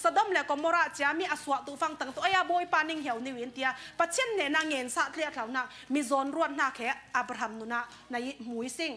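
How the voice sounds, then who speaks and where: A woman's voice: sits high, fast talker, hardly any pauses, pushed and bright. A woman preaching a sermon in a conversational way, dropping in English words now and then.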